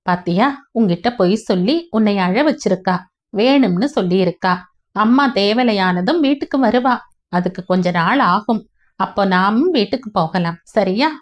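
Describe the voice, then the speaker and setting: A woman voicing a young aunt who soothes a small child with soft, coaxing baby talk. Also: mid-range voice, expressive, normal speed, natural voice. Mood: reassuring.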